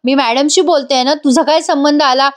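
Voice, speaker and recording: A woman's voice: high-pitched, steady tone, moderate pace, voice pushed up, natural voice. A woman voicing an angry young woman who taunts and scolds a rival to throw her out of the house. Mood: angry taunting.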